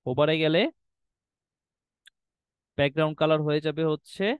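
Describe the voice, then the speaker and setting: A man's voice: fairly high pitch, completely flat delivery, normal speed, clean tone, no echo. A man walking students through website design settings on screen, often checking in with "ঠিক আছে?" and mixing in English terms. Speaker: web design instructor. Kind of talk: screen-recorded tutorial walkthrough.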